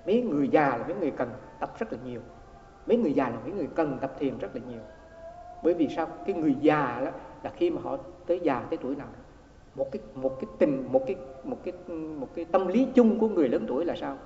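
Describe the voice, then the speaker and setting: A man's voice: on the high side, expressive, very fast. A man, a Buddhist monk, giving a dharma talk as he tells a story, repeating words and acting out the quoted exchanges. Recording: echoey hall, dull lo-fi sound.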